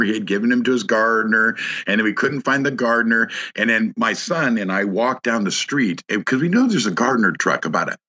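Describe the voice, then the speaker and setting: Speaking at a fairly low pitch in a pushed, bright way, a male podcast guest recounts a personal story conversationally. He stumbles through it with frequent fillers and restarts. The sound quality is lo-fi.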